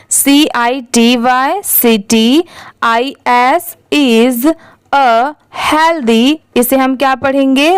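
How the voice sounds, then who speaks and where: A woman teacher who spells out each English word letter by letter, then says it slowly in a reading lesson. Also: high-pitched, clear, resonant tone, no echo.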